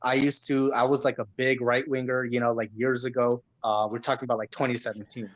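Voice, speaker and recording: A man's voice: medium pitch, little pitch movement, fairly quick, lo-fi sound. A man in casual conversation who laughs often, says bro, and fills with like.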